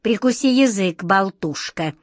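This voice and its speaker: A fretful old auntie from a fairy tale mutters and sighs, slowing down as she worries, as a woman reads her. The sound is close and dry. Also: lowish voice, expressive, dry recording. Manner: muttering, fretful, drops to a whisper. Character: Aunt Okh, sighing elderly woman, fretful and strict.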